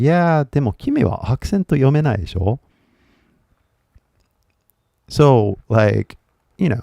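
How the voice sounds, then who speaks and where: A man's voice: mid-range voice, gravelly, darkish tone, dry recording, clean studio sound. A man who is a native English speaker, chatting casually on a livestream as an English teacher, rambling and switching between Japanese and English with frequent laughter.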